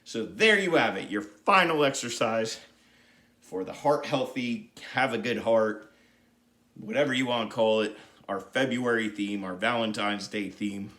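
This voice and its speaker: A man's voice: fairly low pitch, a little slow, sharp tone. A man leading a home exercise lesson, chatty and encouraging, cracking jokes as he jogs in place in his apartment. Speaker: exercise instructor. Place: apartment room. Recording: roomy echo, mic at a distance.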